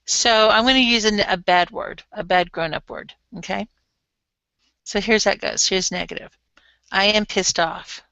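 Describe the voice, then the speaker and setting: A woman coaching a client in a lively, frank way, laughing easily as she talks. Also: medium pitch, normal speed, creaky, no echo, lo-fi sound. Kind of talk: coaching session.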